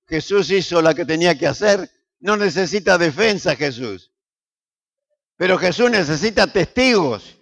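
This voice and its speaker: An older man with a Rioplatense Spanish accent, a pastor giving an animated, joking sermon full of rhetorical questions. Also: high voice, normal speed.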